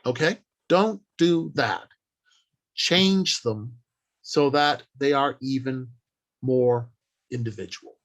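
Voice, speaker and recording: A man delivers an instructional workshop talk in a deliberate, emphatic way, using short declarative phrases broken by pauses. His voice is medium-pitched with a fairly bright tone.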